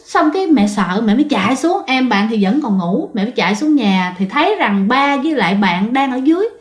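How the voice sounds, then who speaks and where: A woman with a Southern Vietnamese accent tells a ghost story in a loose, conversational way, pausing to speak straight to her listeners. Her voice sits a little high. The recording has a noticeable roomy echo. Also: expressive. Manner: chatty, often addresses listeners directly. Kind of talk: casual spoken storytelling.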